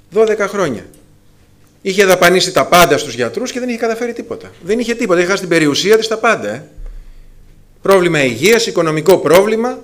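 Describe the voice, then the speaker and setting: A man's voice: a little high, a bit bright. A man preaching a sermon to a congregation, calling them brothers, with frequent filler sounds and restarts as he rises to fervent emphasis. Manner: addresses listeners as brothers, rising to fervent emphasis.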